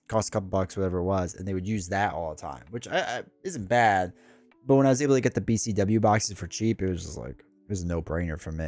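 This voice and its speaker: A man nursing a cold streams himself playing a solo board game at home, rambling casually with plenty of asides and fillers. His voice sits on the low side and sounds a little mellow.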